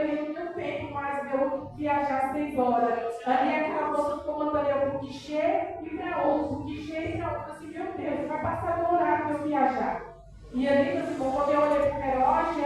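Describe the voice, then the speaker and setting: A middle-aged woman with a Brazilian accent giving an emotional church testimony, breaking in often with praise and prayer. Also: high-pitched. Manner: emotional, peppered with praise interjections. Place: church hall. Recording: very echoey church hall from far off.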